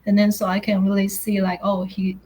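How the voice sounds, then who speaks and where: A woman's voice: medium pitch, completely flat delivery, brisk, a little mellow, breathy edge, poor audio. A middle-aged woman from Taiwan, hosting a live online chat over a video call in a chatty, hesitant way, full of "uh" and "you know". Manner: chatty, hesitant, with many fillers. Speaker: host.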